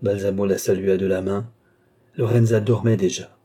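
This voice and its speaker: Dark, husky male audiobook narrator. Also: on the low side, little pitch movement, normal speed. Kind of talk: scripted narration of a classic novel.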